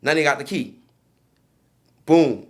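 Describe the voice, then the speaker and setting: Slow and expressive, this young man's high, slightly mellow voice carries a New Orleans accent as he recounts a story on a podcast. He uses casual streetwise slang and says "you feel me" often.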